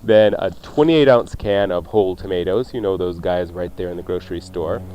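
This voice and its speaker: A man hosts a radio cooking show, bantering and joking playfully through recipes in a casual way. His voice is low and warm at a normal speed, with a little hiss or hum on the recording.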